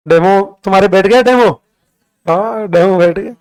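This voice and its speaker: Brisk high-voiced male teacher drilling students. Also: a little mellow, clear, resonant tone, poor audio. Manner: brisk, quizzing students with rapid repeated questions. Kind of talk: classroom lecture with call-and-response drilling.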